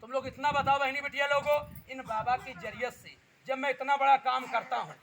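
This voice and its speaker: A man with a very high voice runs a street magic show outdoors, calling out to the onlookers in a loud hawker's patter. A crowd chatters clearly around him throughout. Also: steady tone, fairly quick.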